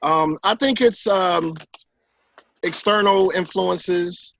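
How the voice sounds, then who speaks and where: A man in his forties, a guest author in a casual conversation, telling stories and acting out quotes in higher voices. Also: slow pace, gravelly. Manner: animated storyteller who acts out quotes in higher voices. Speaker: author and guest on a talk show.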